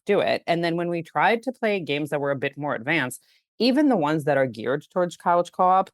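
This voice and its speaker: Speaking on a podcast as a guest, the head of a game studio, a Greek woman in her thirties, keeps things chatty, laughs easily and leans on "like" and "you know." Her voice is deep and the recording is dry.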